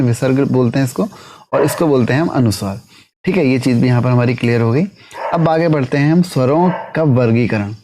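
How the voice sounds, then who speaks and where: A man teaching an exam-prep lesson at a middling pitch. He asks questions and answers them himself, one after another. He keeps tagging his sentences with a short check-in question. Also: dark tone, a little hiss or hum. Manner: keeps adding tag question "है ना".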